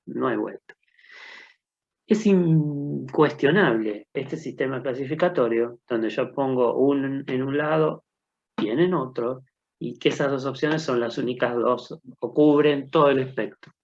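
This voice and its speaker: A man teaches research methods, asking himself rhetorical questions and building up examples. His voice is gravelly and somewhat husky. The recording sounds dull and lo-fi. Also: medium pitch, unhurried. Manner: thinks aloud with rhetorical questions and worked examples. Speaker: university methodology lecturer. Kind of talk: recorded lecture.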